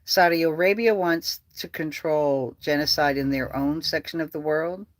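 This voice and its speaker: A heated political vlogger rants in a profane, repetitive way, circling back to the same complaints again and again. The voice sits at a middle pitch and sounds dry and close. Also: moderate pace, no room sound. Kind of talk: angry political rant.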